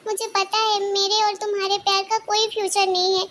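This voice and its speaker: A woman's voice: very high voice, level tone, fairly quick, a crowd in the background. A woman voicing a meek young stepdaughter. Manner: soft, meek and anxious. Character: gentle, worried young woman, mistreated stepdaughter.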